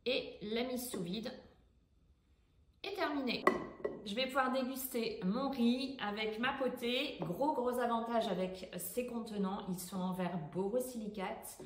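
A middle-aged woman giving a casual, chatty product demonstration in her home kitchen, pausing often with fillers. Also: fairly high pitch. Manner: chatty, hesitant with frequent fillers. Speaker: cooking vlogger demonstrating a product.

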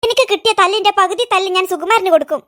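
A woman voicing a cross, vengeful middle-aged aunty in a cartoon, grumbling and scheming in a high voice pushed lower. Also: very fast, a bit bright. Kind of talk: cartoon voice acting.

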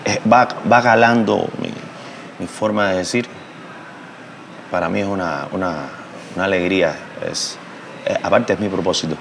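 A Cuban musician in his thirties, seated indoors by a large window, answers interview questions in a deep, creaky voice at normal speed with his Cuban Spanish accent. He reflects hesitantly, using fillers and restarts and gesturing expressively with his hands. A little hiss or hum sits under the audio.

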